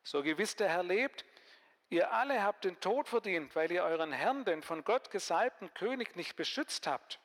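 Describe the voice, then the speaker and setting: Guy doing bold young david yelling across a valley, higher voice, long hall echo. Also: expressive, normal speed. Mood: reproachful call. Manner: calling loudly across a distance.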